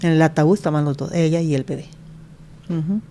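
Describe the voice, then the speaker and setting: Soft, low-voiced woman. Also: fairly quick, a little hiss or hum. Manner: earnest, retells scenes by acting out quoted speech. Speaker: pastor, guest. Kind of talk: telling a personal life story in an interview.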